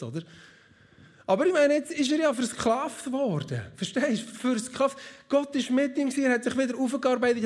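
A man with a Swiss German accent telling a Bible story as a casual sermon, chatty and speaking straight to his listeners with asides. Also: high-pitched. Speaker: preacher.

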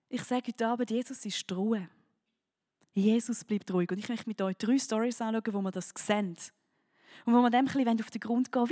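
A woman with a Swiss German accent preaching a sermon to a young audience, telling a story in a lively way and speaking directly to her listeners. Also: a little high.

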